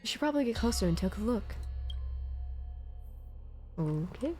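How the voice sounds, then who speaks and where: A woman's voice: fairly high pitch, sing-song, normal speed, warm tone, slight background noise. A woman streaming a game, reading its text aloud expressively and adding casual commentary. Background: music.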